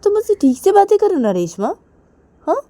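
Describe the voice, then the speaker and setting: A woman's voice: big pitch swings, moderate pace, dark tone, no echo, heavily acted. A woman voicing a playful, insistent young woman who keeps questioning her partner in a raised voice. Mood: teasing, pleading. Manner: high-pitched, pleading, repetitive questioning.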